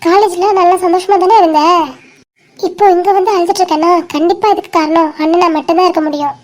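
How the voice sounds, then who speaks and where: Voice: very high-pitched, flat delivery, fast talker. A caring but bossy young woman in a cartoon voiced by a performer speaks. She scolds and nags insistently, with a teasing edge. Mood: scolding. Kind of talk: dramatic cartoon dialogue.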